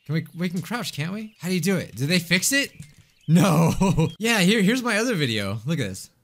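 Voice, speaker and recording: A young man hosting casual gameplay commentary, excitable and rambling, recorded on a close desk mic in a small room. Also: sits high, moderate pace. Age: young adult. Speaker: gaming video host. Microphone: close desk microphone with headset.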